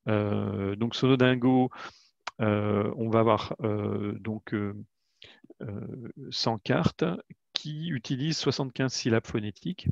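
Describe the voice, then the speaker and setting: Hesitant man with a gravelly voice. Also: on the low side, takes it slowly, no room sound. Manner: hesitant, frequent "euh" fillers and restarts. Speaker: educational game creator presenting. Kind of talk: webinar product presentation. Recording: dull lo-fi webinar audio, dry.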